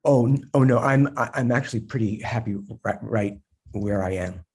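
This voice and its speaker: A man's voice: fairly low pitch, moderate pace, a little mellow, breathy edge. A man playing a stammering, nervous guy. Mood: flustered. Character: nervous, awkward straight man, flustered and stammering. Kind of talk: comedic audio drama.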